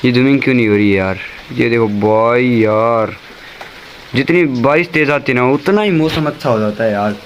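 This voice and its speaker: A man's voice: medium pitch, expressive, quick pace, few pauses, dull audio, slight background noise. A man casually chatting through a vlog, moving between his home and the lane outside during rain and constantly pointing things out to his viewers. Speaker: vlogger.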